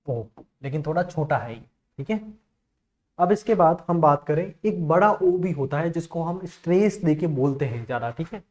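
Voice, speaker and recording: Man teaching phonetics. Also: a little high. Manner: reads word lists aloud, louder on example words; asks "clear?" and says "okay" often. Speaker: English teacher. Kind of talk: phonetics lesson.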